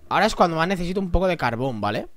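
A young man from Spain with a Spanish accent, giving excitable, jumpy let's play commentary while talking to himself and his viewers. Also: a little high, very fast. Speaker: gamer.

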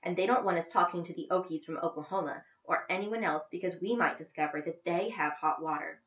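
Sharp, mocking teen girl, as a woman reads her, lowish, in an echoey room. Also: a little fast, highs cut off, natural voice. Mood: lecturing. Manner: biting, mocking. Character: sharp-tongued teenage girl, blunt and defiant.

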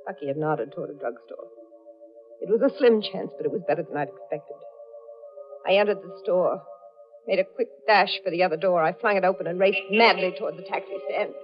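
A woman's voice: fairly low pitch, a little fast. An actress playing a hunted, desperate woman who narrates her own story in a 1940s radio drama, heard through an old AM radio broadcast. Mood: tense. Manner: tense first-person storytelling. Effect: old AM radio broadcast sound. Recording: muffled 1940s AM radio broadcast with faint music.

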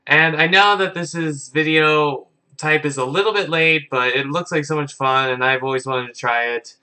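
Bright-voiced young male vlogger. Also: a little high, moderate pace. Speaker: YouTube vlogger. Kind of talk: casual chat to camera. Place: carpeted bedroom, indoors.

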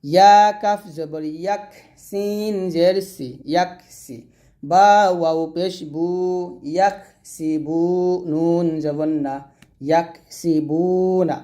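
Slow, syllable-drilling male recitation teacher. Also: on the high side, fairly even intonation, dark tone. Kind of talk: spelling-out pronunciation lesson.

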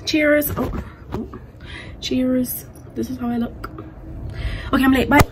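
A woman's voice: sits high, fairly even intonation, measured pace, background noise. A young woman vlogging in a casual, giggly, playful way from a busy lobby. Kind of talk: casual vlog chat. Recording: crowd chatter behind.

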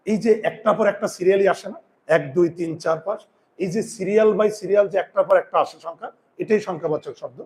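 A male grammar teacher giving a lesson, repeating key terms slowly, counting aloud and telling students to write things down. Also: sits high, a little mellow. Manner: counts aloud and asks rhetorical check questions. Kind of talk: classroom-style grammar lesson.

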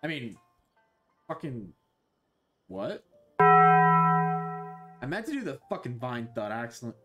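Loud music plays over a young adult man who speaks slowly in a sing-song, mid-range voice. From his small bedroom, he streams a game on a headset and chats casually with viewers, loose and joking, swearing a lot and addressing chat directly.

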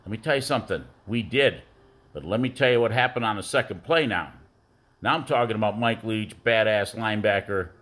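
A man's voice: lowish voice, brisk, fairly bright tone. A middle-aged man, a former youth football coach, giving a rambling birthday tribute full of fillers and war stories. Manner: rambling storytelling with many fillers.

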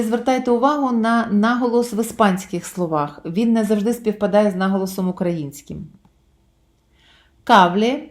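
A woman teaching Spanish to Ukrainian listeners in a patient way. She calls her listeners friends and slows down on each example word. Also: mid-range voice, darkish tone. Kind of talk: vocabulary lesson with slow spoken examples.

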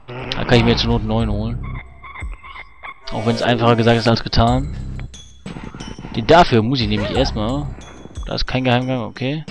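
A man's voice: medium pitch, steady tone, normal speed, pauses often. A man casually commenting on a video game as he plays, chatty and swearing at it now and then. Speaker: let's play gamer. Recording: game music behind. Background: game music.

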